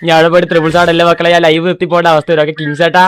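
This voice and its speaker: A man's voice: on the high side, little pitch movement, rapid-fire, slight background noise. A man, talking to his live-stream chat in a pleading, insistent way and swearing oaths that he is telling the truth. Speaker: livestreamer.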